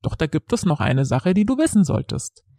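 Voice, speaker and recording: A woman voicing a gentle, reassuring God in a storybook reading. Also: low voice, sing-song, fairly quick, creaky, no room sound, clean studio sound, heavily acted. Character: calm, kindly God, male elder.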